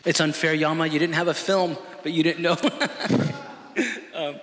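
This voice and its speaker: A man's voice: on the high side, a little slow, a little hiss or hum. A man moderating a panel, introducing a guest in a friendly, light way. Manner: friendly, flat-toned, softly laughing. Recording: echoey hall reverb.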